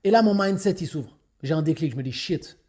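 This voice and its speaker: A man's voice: a little high, expressive, darkish tone, lightly acted. A man voicing a boastful young fake tycoon who brags absurdly in slang. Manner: fast, cocky bragging with slang.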